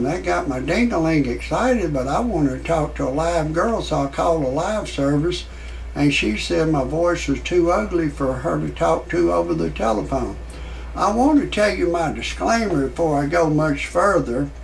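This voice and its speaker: A man in his sixties hosting a comedic parody monologue, rambling in a deadpan way with many fillers. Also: gravelly, slight background noise, rough recording. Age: 60s. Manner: shouts quoted lines in a much higher voice. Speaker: parody show host.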